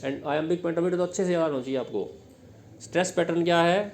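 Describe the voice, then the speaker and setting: His pitch runs fairly high, his delivery is brisk, and his tone is a little mellow, with a faint hiss or hum on the recording. He's a teacher giving an exam-prep lecture, breaking things down step by step, drilling the class with questions and frequently asking "ठीक है?".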